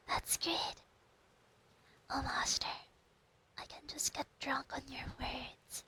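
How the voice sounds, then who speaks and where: Woman playing a high whispering possessive fox spirit. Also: level tone, slow, pushed and bright, exaggerated voice. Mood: adoring. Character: possessive female fox spirit familiar, clingy and proud. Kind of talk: whispered role-play. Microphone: close binaural microphone.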